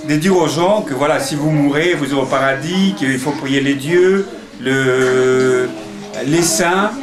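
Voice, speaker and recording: A man, a singing-school teacher talking with children in class, asking questions, encouraging them and laughing often. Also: on the high side. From Congo. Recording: echoey room with children's crowd noise.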